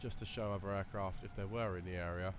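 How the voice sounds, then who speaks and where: Ums and uhs fill the gaps as a fast-talking man with a lowish, slightly croaky voice casually works through his simulator checklist, thinking aloud. He makes flight sim videos, and loud cockpit sound with a steady engine drone sits clearly behind him.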